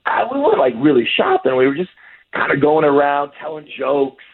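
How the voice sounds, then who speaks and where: A man's voice comes over a tinny phone line, pitched a little high for a man. He rambles and halts as he talks, a caller on a radio show. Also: sing-song, brisk, no room sound. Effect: heard over a phone line.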